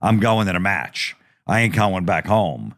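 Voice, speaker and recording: A man with a lowish voice tells a profane comic story from his youth in the New Jersey area. He acts out the people in it as he goes. The sound is dry and close to the mic. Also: expressive, normal speed, fairly bright tone, no room sound. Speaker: podcast guest. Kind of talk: comedic storytelling.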